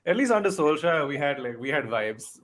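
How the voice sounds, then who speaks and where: A man co-hosting a football podcast in casual chat, often pausing to search for words. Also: a little high, sing-song, a bit bright, a little hiss or hum. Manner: hesitant, searches for words with fillers. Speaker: podcast co-host.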